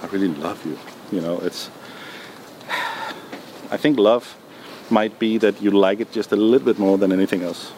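A man answering interview questions in a relaxed, hesitant way, with many ums and restarts. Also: fairly low pitch, moderate pace. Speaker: music producer guest. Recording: noisy background.

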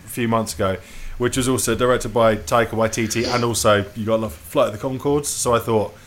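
A man's voice: mid-range voice, fairly even intonation, brisk. A man in his early thirties hosting a film podcast in casual, bantering talk.

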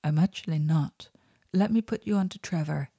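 A woman voicing a cross, sharp-tongued young woman who talks in a sarcastic, clipped way. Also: low voice, moderate pace, breathy edge, no echo, studio quality.

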